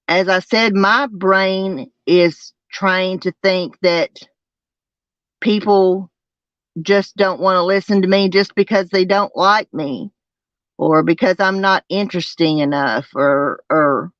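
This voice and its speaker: A person with a twangy Southern US accent, chatting casually to a livestream, haltingly and with repeated phrases. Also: mid-range voice, a bit bright, no echo. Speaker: livestream host. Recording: dull lo-fi sound.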